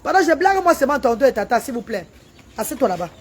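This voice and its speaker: A woman's voice: high-pitched, expressive, racing, noisy background. A woman who rants on a livestream, repeating herself as she pleads and scolds. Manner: emphatic, repetitive, pleading and scolding. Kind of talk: livestream rant.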